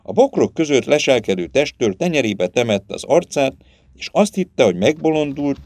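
A man narrating a novel as an audiobook, with expressive, dramatic storytelling. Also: mid-range voice.

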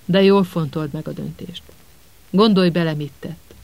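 A man's voice: fairly high pitch, a little mellow, no room sound, close to an everyday voice. A man voicing a furious, vengeful grown male wizard who hisses his words. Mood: grim. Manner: hissing, seething.

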